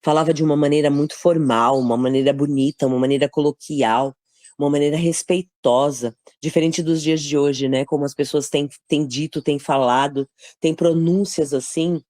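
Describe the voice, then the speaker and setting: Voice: medium pitch, steady tone, normal speed, a little mellow, no room sound, studio quality. A study leader explaining a chapter conversationally, step by step, often checking in with listeners. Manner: conversational, explains step by step, frequent tag questions. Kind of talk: casual Bible teaching.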